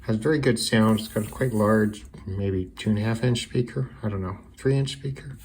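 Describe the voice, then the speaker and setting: A man with a low, slightly mellow voice chats casually and unscripted while demonstrating a shortwave radio, thinking aloud at a moderate pace into a camera on a small tripod. The recording is noisy, full of shortwave radio static and hiss.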